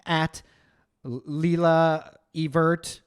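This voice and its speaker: Brief: male comedy podcast co-host, fairly high voice, teasing and quick. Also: clean tone. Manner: quick, animated, teasing, profane. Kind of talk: casual comedic podcast chat.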